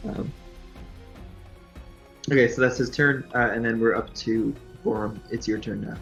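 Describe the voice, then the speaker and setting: A man running a tabletop game as dungeon master, laid-back and halting, with lots of pauses and fillers. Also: medium pitch, steady tone, vocal fry, a bit bright, muffled recording. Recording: echoey room with faint music.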